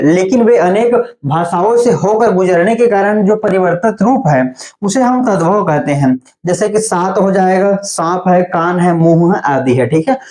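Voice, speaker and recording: Man, online teacher, grammar lesson, step-by-step explaining, frequent check-ins, slows to list terms. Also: sits high, a little mellow.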